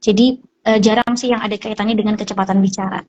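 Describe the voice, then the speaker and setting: A woman speech therapist calmly explaining child speech development on a hospital talk show, with frequent fillers. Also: medium pitch, fast talker, lo-fi sound.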